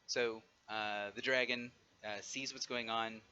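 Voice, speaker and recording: A man running an online tabletop game as game master, explaining and narrating in a halting way. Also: mid-range voice, steady tone, bright, forceful tone, smooth. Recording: dull audio with faint noise.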